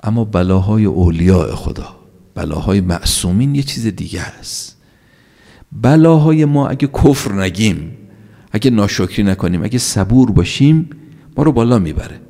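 Deep-ish gravelly guy preaching, punchy, pitch jumps up on the big points, long hall echo. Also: expressive, dark tone. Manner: emphatic, pitch swings up on key points, rhetorical questions. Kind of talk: religious sermon. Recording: long reverb of a large hall.

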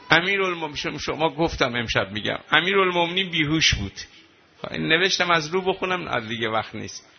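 A male preacher with a gravelly, slightly high voice, delivering a sermon that turns into a wailing lament. The recording is dull and lo-fi, with faint ambience behind him. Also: animated, a little hiss or hum. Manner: emotional, rising to a wailing lament. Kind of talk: religious sermon with mourning recitation.

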